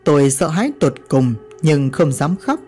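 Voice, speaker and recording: A woman narrating a first-person ghost story, her pitch moving with lots of expression. Soft music plays faintly underneath her telling. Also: animated, normal speed, husky. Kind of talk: scripted horror story narration.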